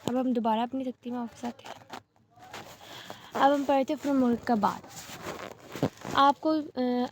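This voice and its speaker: A woman teaching a reading lesson step by step, patient and slow, repeating each rule. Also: on the high side, a little mellow, slight background noise. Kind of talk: step-by-step Arabic letters lesson.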